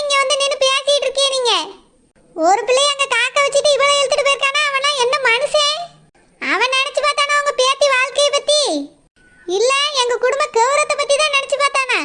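A middle-aged woman with a Kanyakumari Tamil accent, playing a village mother who sternly warns and argues back. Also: very high voice. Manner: stern, warning, indignant. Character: proud village mother defending her daughter. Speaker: mother of the runaway girl.

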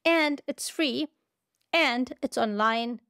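A woman's voice: high-pitched, takes it slowly, fairly bright tone, clear, resonant tone, dry recording. A woman in her thirties hosting a scripted tech explainer to camera, confident and emphatic, recorded in a home studio. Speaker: spreadsheet educator and video host. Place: home studio with shelves behind. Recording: background music under voice.

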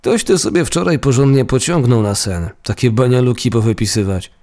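A man's voice: medium pitch, moderate pace, a little mellow, lightly acted. A man voicing a mocking, hard-drinking country official who scoffs at the clerk. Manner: scoffing, blustering.

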